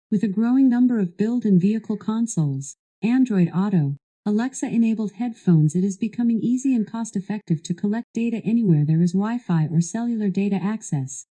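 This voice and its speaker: Acting as a voice assistant guiding a product demo, a woman reads scripted instructions in a very soft, dark tone. Her pitch is average and her delivery measured and formal.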